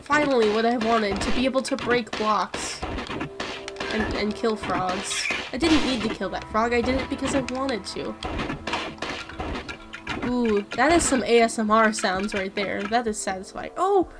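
A chatty woman talking through her video game play in a relaxed, unhurried way. Her voice sits somewhat high, and game music plays steadily under her commentary. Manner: chatty, amused, musing aloud. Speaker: let's-play host. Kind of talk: casual gaming commentary.

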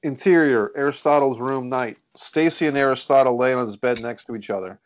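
On an indoor group video call, a man with a mid-range voice hosts a script read, narrating the screenplay's stage directions at a fairly quick pace.

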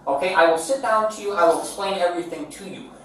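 A female police officer calmly reassuring a detainee, patient and repetitive, tagging her sentences with "okay?", recorded on a body camera. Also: lowish voice, fast, a little hiss or hum. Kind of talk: calming de-escalation talk. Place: police station. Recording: echoey bodycam audio.

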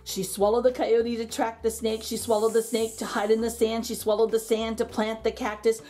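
A children's story reader and channel host, this middle-aged woman has a fairly high, warm voice that stays monotone in pitch, yet her picture-book reading is theatrical and rhythmic, with elongated line endings. Soft music plays in the background.

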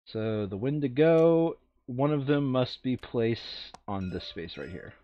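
A medium-pitched, animated man speaks slowly while running a board game playthrough, with dull-sounding audio. His chat is casual, crude, and joking, and now and then he reads the game's flavour text aloud.

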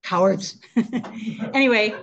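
Holding the handheld mic, a woman in her sixties presides over her club's meeting indoors, keeping things casual, chatty and sprinkled with laughter. Her voice runs on the high side. The recording is muffled and was also captured by a far-off webcam.

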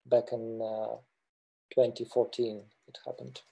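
A middle-aged man from Russia, a mountain guide presenting slides on a webinar over a webcam, speaking hesitantly with many filler pauses. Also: mid-range voice, monotone, vocal fry, mellow. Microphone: video call webcam.

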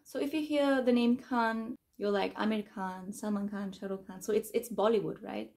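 A woman's voice: mid-range voice, fairly even intonation, moderate pace, darkish tone. A woman in her mid-twenties, raised in Germany, chatting upbeat in a casual Q&A vlog from her bedroom. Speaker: YouTuber answering fan questions. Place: bedroom, indoors.

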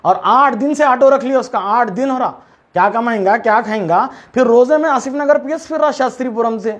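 A man's voice: very high voice, brisk. A man with a Hyderabadi accent, speaking to the press for a wronged driver, indignant and full of rhetorical questions aimed at officials. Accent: Hyderabadi Urdu. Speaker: local spokesman speaking for the driver. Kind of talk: complaint to the press.

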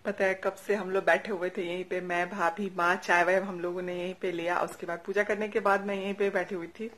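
A young woman with an eastern Uttar Pradesh Hindi accent, narrating a casual daily vlog at home in a chatty, soft-spoken way with frequent tag questions. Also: fairly low pitch, flat delivery, brisk, a little hiss or hum. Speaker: vlogger. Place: family home, indoors and courtyard.

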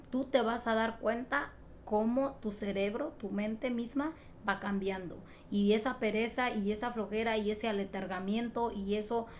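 A woman's voice: mid-range voice, a little hiss or hum. A woman gives an emphatic motivational talk to camera, repeating phrases and asking rhetorical questions. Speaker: motivational vlogger.

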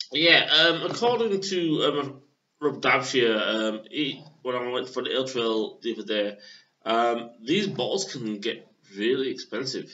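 A man in his thirties from England, casually reviewing a beer at home on a webcam, with plenty of hesitant fillers. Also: medium pitch. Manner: halting, filler-heavy, relaxed. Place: small room at home. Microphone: webcam at desk. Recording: dull lo-fi webcam audio.

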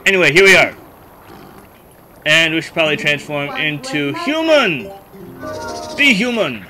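A man hosting a let's play, chatting casually and thinking out loud as he plays a video game. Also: on the high side, big pitch swings, moderate pace, low-quality recording. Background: game music.

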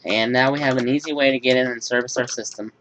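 A young man with a mid-range, slightly bright voice talks fast and fairly evenly while hosting his gaming channel. He walks through a build tutorial, then moves to a casual personal update full of fillers, recorded in a room at home. The lo-fi audio is dull with faint hiss.

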